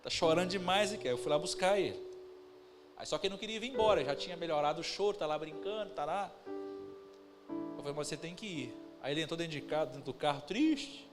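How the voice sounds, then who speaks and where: Preaching over instrumental background music, a pastor with a Brazilian Portuguese accent and a voice on the high side shifts from calm storytelling to loud, rising bursts. He draws on family anecdotes, lingers on stressed words, and speaks to the congregation as brothers.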